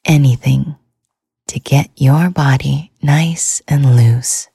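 A woman hosting a sleep podcast, talking in a soft, soothing whisper. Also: a bass voice, takes it slowly, gravelly, husky, no room sound, clean studio sound. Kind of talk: whispered ASMR sleep talk.

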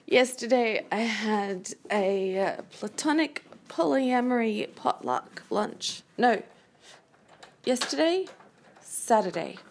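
A woman's voice: mid-range voice, takes it slowly, hardly any pauses, slight background noise. A woman podcast host with a theatrical, campy manner, rambling playfully and candidly as she records a casual audio diary at home. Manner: playful, candid, self-interrupting chatter. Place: recorded while walking about at home.

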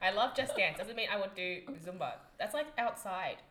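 A woman's voice: medium pitch, lively intonation, normal speed, echoey room, crowd noise. A woman in her thirties, a playful podcast co-host who laughs a lot in casual chat. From Australia.

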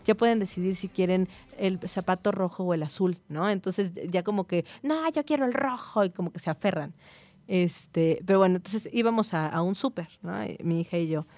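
A woman in her thirties or forties with a Mexican accent, a psychologist, telling a personal anecdote in lively conversation. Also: lowish voice, a little fast. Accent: Mexican Spanish. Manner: animated, tells anecdotes with quoted dialogue. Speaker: psychologist, guest or co-host. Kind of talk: casual conversational storytelling.

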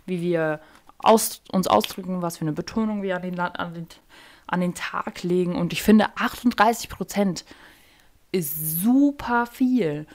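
Young woman, podcast host, slightly low voice, casual solo monologue, self-deprecating, rambling sentences. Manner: chatty, self-deprecating, loses track of sentences. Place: sitting on her bedroom floor.

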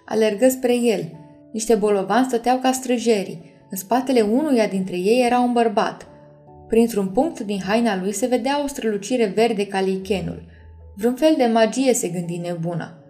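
Woman, audiobook narrator, expressive, measured, faint background music. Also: mid-range voice. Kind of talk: audiobook reading.

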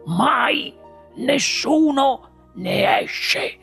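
Excitable old grandpa, very high, gravelly and slow, for a storybook audiobook. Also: faint music behind, heavily acted. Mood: excited insistent. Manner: dramatic, exclaiming, drawn-out emphasis. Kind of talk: audiobook character voice.

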